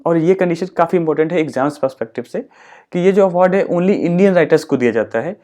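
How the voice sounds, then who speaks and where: A young man hosts an exam-preparation lesson in a mellow, somewhat high voice. He explains step by step, repeats his points and slips English terms into his Hindi. His delivery stays patient and instructive. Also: fast talker. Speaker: exam-prep teacher and channel host. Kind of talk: educational explainer.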